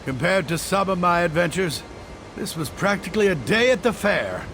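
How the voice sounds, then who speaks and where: A man's voice: sits high, big pitch swings, normal speed, creaky, fairly bright tone, full character voice. An actor playing a jovial, worldly male adventurer with a hearty, theatrical manner, in a video game. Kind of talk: game voice acting. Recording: game audio with background noise.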